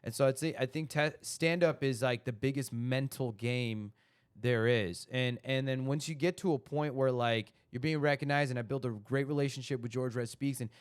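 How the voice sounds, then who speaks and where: A man's voice: mid-range voice, moderate pace, clear, resonant tone. A man in his thirties hosting a casual podcast chat, rambling along with lots of "like" and "you know". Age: 30s. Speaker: podcast host.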